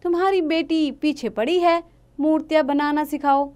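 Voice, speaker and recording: A woman's voice: sits high, fairly even intonation, normal speed, darkish tone, pitched above the performer's own voice, close to an everyday voice. A woman reading the part of a stubborn, scolding village potter father who coughs. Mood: stern scolding. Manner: gruff, scolding.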